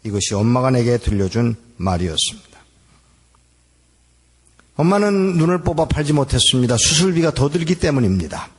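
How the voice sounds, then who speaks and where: An older pastor from Korea preaches in a large hall and tells his own life story as a sermon. His voice sits at a middle pitch, and he brings remembered conversations to life as he speaks. The sound carries a long, roomy reverb. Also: sing-song, moderate pace, long pauses, slightly rough. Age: 60s. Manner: dramatic storytelling, acting out remembered dialogue. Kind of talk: sermon with personal testimony. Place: large hall at a church gathering.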